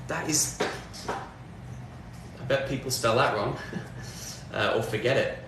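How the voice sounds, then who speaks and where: A man's voice: mid-range voice, takes it slowly, distant mic. Guy chatting on a stream, off mic, big echo, faint hum behind. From northwest England. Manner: chatty, answers chat comments, talks while working. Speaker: music streamer. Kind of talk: casual livestream chat. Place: home studio, in doors. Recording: very echoey room, off mic, faint background noise.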